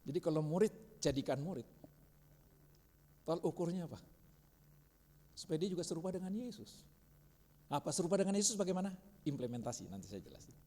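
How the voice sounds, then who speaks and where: A man's voice: a little high, animated, a little fast, long pauses, dark tone. A man teaching a church discipleship class, constantly quizzing his listeners. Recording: reverberant hall.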